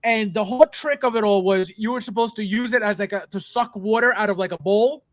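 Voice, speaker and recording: A Spanish-native man from Colombia hosts a laid-back podcast with a clearly high voice, stopping and restarting his sentences as he goes. The sound is dry and close, with no room in it. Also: no echo. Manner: halting, full of restarts. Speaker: podcast host. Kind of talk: casual podcast chat.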